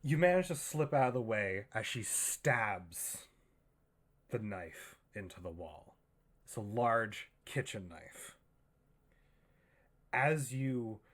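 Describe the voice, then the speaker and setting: A man narrating a tabletop horror game as game master, in a measured, suspenseful way. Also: lowish voice, a bit bright.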